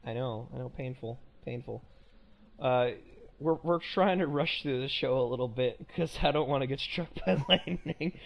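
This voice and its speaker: Man, podcast host, casual chat, rambling, jokey, mid-pitched voice. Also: normal speed, gravelly, muffled recording. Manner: rambling, self-correcting, jokey.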